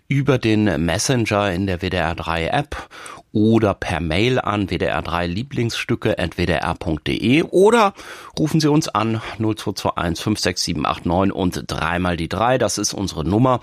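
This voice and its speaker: A man's voice: low-pitched, no room sound, clean studio sound. A man presenting a radio show in a friendly, chatty way, talking with a caller. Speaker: radio host. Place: radio studio. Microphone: studio microphone.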